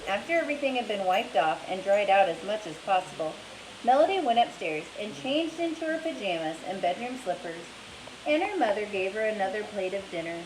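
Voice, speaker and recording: A woman reading a children's book aloud in an expressive storytelling manner. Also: medium pitch, roomy sound, background noise. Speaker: reader.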